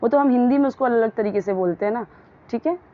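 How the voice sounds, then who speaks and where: Patient woman teaching English, slightly muffled recording. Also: on the high side. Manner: patient, repeats words slowly to model pronunciation. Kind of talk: explaining English grammar and pronunciation in a casual lesson.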